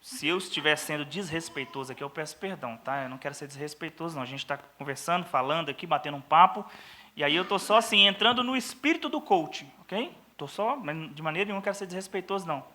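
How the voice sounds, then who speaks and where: A man's voice: a little high, lively intonation, fast, sharp tone. A man with a Brazilian Portuguese accent teaching a church seminary class in an informal, mocking tone, with many tag questions to the audience. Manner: informal, addresses the audience as brothers.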